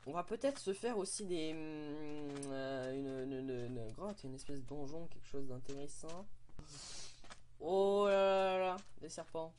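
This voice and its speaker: A man's voice: on the high side, normal speed, few pauses, mellow, a little hiss or hum. A young man, giving playful, chatty commentary on his game and exclaiming at what he finds. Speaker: Minecraft let's play host. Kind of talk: casual gameplay commentary.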